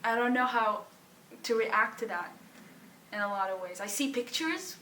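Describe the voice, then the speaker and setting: Syrian-born young woman, halting testimony. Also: fairly high pitch, expressive, sharp tone, reverberant, distant mic, slight background noise, poor audio. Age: young adult. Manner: halting and emotional, with pauses, sighs and restarts. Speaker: student sharing her story. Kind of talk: personal testimony.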